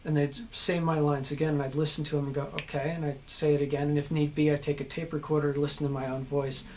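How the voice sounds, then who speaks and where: A man's voice: on the high side, level tone, fast talker, darkish tone, a little hiss or hum. Earnest man explaining acting craft. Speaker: actor. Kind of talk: instructional talk on acting.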